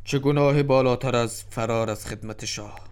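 A man's voice: mid-range voice, steady tone, a little mellow, clear, resonant tone, natural voice. A man voicing a shrewd king who questions and commands in a told story. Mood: commanding. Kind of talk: storybook drama reading.

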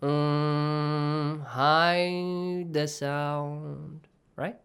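A teacher giving a recitation lesson, checking in often with "okay?" and "right?" and drawing out sounds slowly to demonstrate them. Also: mid-range voice, little pitch movement, a bit bright, clear, resonant tone. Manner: slow, drawn-out demonstrations of pronunciation. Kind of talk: tajweed lesson to students.

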